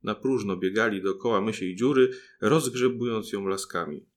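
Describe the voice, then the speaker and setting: Man reading a fairy tale. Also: lowish voice. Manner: measured, storytelling cadence. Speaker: audiobook reader. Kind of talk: scripted fairy-tale narration.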